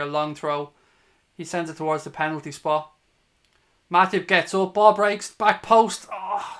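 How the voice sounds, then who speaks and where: His voice is a little high, pushed and bright. The man, an Irish speaker from Dublin, gives live football commentary on a fan livestream, talking with viewers in a blunt, sweary, opinionated way.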